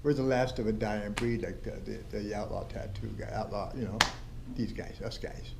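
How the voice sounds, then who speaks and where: A man's voice: fairly low pitch, normal speed, creaky, heavy background noise. An older man, a tattoo artist, telling blunt, profane stories and acting out what people said. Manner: profane, blunt storytelling with acted-out quotes. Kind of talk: storytelling interview.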